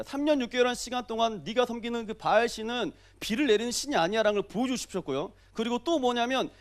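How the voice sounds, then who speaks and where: A young man preaches at a rapid clip, his high voice leaping up and down as he jokes. He keeps firing questions at the congregation and answering them himself. The delivery is lively and playful. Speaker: pastor. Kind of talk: early-morning sermon.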